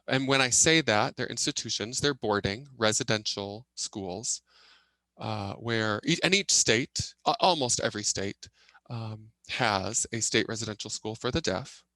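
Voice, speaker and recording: A man voicing a deaf presenter's signed talk as a live interpreter, in a halting way with fillers and restarts as he keeps up with the signing. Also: mid-range voice, bright, forceful tone, dry recording, rough recording. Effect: live interpreter voice, speaking a signer's words as they come.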